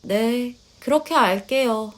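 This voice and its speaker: A polite young wife played by a woman in a narrated story, speaking quietly in a high voice. She sounds hesitant and careful, softening every reply. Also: slow pace. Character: young Korean wife, polite and soft-spoken. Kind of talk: storytelling voice acting.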